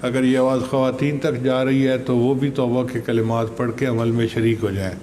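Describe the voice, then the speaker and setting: An older man giving a slow, measured sermon, telling stories and reciting Arabic verses. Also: medium pitch, steady tone, a little mellow. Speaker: religious scholar. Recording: echoey hall with faint noise.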